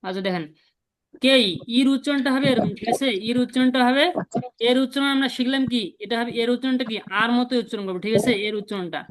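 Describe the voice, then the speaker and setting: Woman, language teacher, patient, repetitive drilling, slightly high pitch. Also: no room sound, rough recording. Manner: patient, repeats sounds slowly, drills students. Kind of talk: beginner language class.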